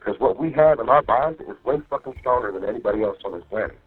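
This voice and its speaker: This is a jailed man on the phone, venting to his partner with plenty of profanity. His mid-range voice is animated, quick and slightly rough, and he wanders from point to point, often repeating things with "you know what I mean." The line sounds muffled, and faint music plays underneath.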